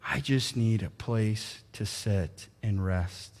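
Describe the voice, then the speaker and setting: A man's voice: fairly low pitch, slow, darkish tone, pitched below the performer's own voice. A man voicing a boy from a storybook who grows older and keeps asking for more, in a plaintive tone with a long reverb around him. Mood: weary. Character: boy growing into a restless man.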